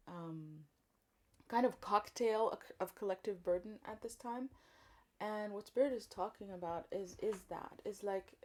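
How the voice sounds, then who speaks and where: Soft-spoken woman giving a tarot reading. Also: fairly low pitch. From Congo. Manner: gentle, thoughtful, pausing often with fillers. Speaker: tarot reader. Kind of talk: spiritual card reading.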